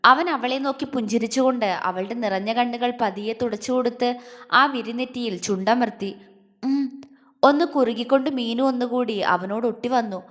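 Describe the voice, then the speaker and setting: A woman narrating a romantic audio story in a gentle, even storytelling manner. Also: on the high side, moderate pace. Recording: long hall reverb.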